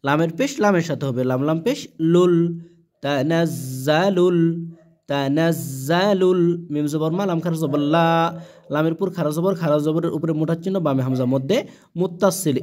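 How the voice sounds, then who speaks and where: A male Quran reading teacher with a Bangladeshi Bengali accent, spelling out each letter and vowel mark and then reciting the words slowly, often asking and answering his own questions. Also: on the high side, a little mellow.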